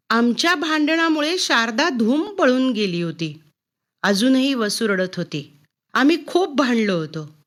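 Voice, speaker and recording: High-voiced woman reading a story. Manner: expressive first-person narration.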